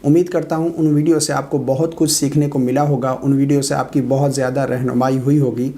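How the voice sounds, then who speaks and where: A man, middle-aged, giving a brisk explanatory online lesson on correct recitation, pausing with drawn-out 'aa' sounds. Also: mid-range voice, flat delivery, dark tone. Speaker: religious teacher of prayer recitation.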